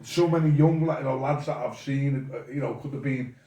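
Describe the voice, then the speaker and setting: A man's voice: mid-range voice, brisk, dark tone. A man with a Merseyside accent hosting a casual, chatty interview. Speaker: interview host. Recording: echoey room, distant mic.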